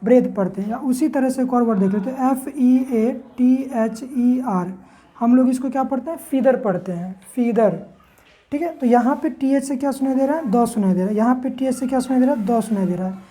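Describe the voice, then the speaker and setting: A woman's voice: on the high side, fast talker, warm tone, low-quality recording. A woman teaching English pronunciation, spelling words out letter by letter and asking herself questions before answering them. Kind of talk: classroom-style lesson.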